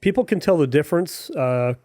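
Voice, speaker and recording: A man in his forties hosts a podcast, guiding the chat with friendly questions and affirming remarks, now and then turning to faith. His voice sits a little higher than most men's. The sound is close and dry, with no room around it. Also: animated, brisk, dark tone, no room sound. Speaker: podcast host. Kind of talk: casual interview chat.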